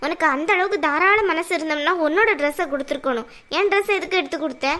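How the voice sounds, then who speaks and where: A woman's voice: very high voice, sharp tone. [name], a woman voicing a fiery young woman. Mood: angry. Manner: scolding, demanding, quick to anger. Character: hot-tempered young woman, sharp-tongued and jealous. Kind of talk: cartoon voice acting.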